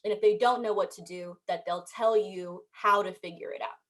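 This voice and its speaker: A young woman from the United States, speaking as a panelist and telling her story in an animated, emphatic way. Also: mid-range voice, moderate pace. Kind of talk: panel discussion.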